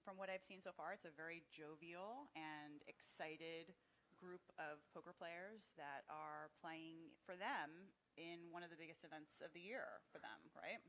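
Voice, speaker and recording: A woman's voice: deep voice, measured pace, a bit bright. A woman co-commentating on a live poker broadcast in an upbeat, chatty way.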